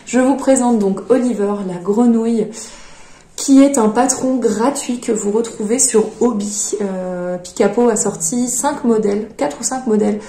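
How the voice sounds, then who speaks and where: With a fairly high, warm voice at a measured pace, a woman hosts a knitting podcast, casually showing her projects. Her show-and-tell chat is full of fillers and hesitations, and it's recorded in an echoey room.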